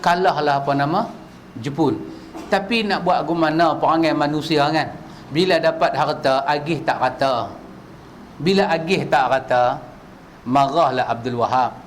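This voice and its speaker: A male preacher, giving a religious lecture full of rhetorical questions that climb from low asides to high shouted peaks. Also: a little slow, slight background noise. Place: mosque prayer hall.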